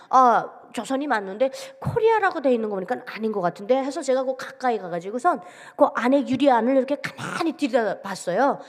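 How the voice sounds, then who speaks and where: A woman from North Korea tells her story to a church gathering in a high, bright voice. Her pitch swings widely as she acts out each exchange, and the big sanctuary adds a long, trailing reverb. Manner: vivid storytelling, acts out quoted dialogue. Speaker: guest speaker giving testimony.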